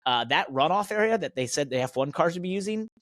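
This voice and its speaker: Fast and animated, this American motorsport podcast co-host, who is also a professional racing driver, offers emphatic, opinionated casual chat. His pitch leans high and a bit bright. The sound is clean studio quality with no room sound.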